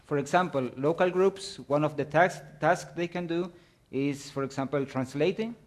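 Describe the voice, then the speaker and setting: Halting man giving a slide talk. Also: fairly high pitch. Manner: halting, searching for words. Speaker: conference presenter. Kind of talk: technical presentation with slides.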